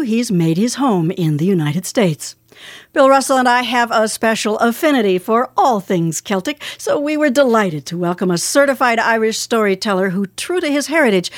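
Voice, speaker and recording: A woman's voice: fairly high pitch, animated, normal speed, no echo. Woman interview host with a dry, close sound. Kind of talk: scripted introduction and conversational interviewing.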